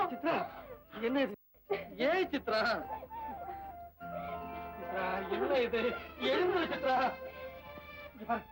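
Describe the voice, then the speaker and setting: A man's voice: very high voice, heavily acted, low-quality recording. An actor playing a patient young husband who coaxes and soothes his upset wife with playful teasing, in 1960s Tamil film acting. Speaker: new husband in a film drama.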